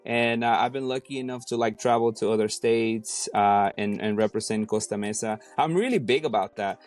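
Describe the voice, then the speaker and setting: A man's voice: medium pitch, normal speed, faint music behind. A man in his thirties from Mexico City, a DJ and rapper talking casually as an interview guest, with many fillers and restarts.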